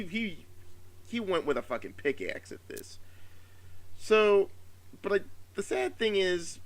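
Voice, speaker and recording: A man with a slightly subdued, sore-throated voice gives a casual, rambling opinion commentary, halting, exasperated and swearing freely. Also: on the high side, a bit bright. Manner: profane, exasperated, halting with emphatic stresses. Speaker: solo video commentator.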